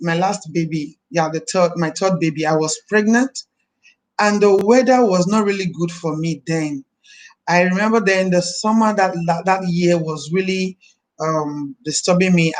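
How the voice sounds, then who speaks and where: A minister, a woman in her thirties, chats on a live stream with a voice that's deep this morning. She's friendly, repeating phrases and giving blessings to her viewers.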